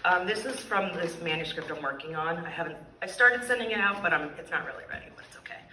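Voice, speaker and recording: A woman's voice: lowish voice, fast talker, pushed and bright, a little hiss or hum. A woman poet giving a live reading, mixing poems with laughing, self-deprecating asides. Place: live reading venue, indoors. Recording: echoey room, voice from a distance.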